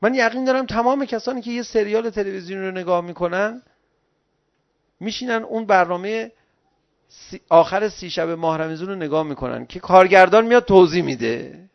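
Middle-aged man, sermon, pleading exclamatory delivery, gravelly, dull lo-fi recording. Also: high voice. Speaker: religious lecturer. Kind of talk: sermon-like religious talk.

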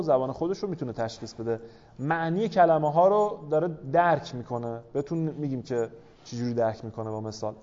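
A man's voice: a little high, dark tone. A man lecturing a class, explaining step by step and asking rhetorical questions of his listeners. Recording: dull lo-fi recording.

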